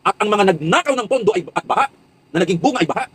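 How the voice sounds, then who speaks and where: Fiery fast-talking commentator man. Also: sits high, lively intonation, a bit bright, husky, dry recording, rough recording. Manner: preachy, rhetorical questions, repetitive emphatic lists. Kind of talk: impassioned monologue commentary.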